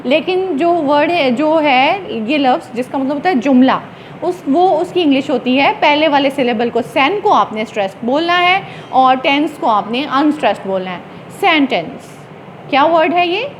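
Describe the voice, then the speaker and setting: A woman teacher lecturing a class. She explains English words slowly, with many fillers and restarts. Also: high voice, expressive, a little hiss or hum.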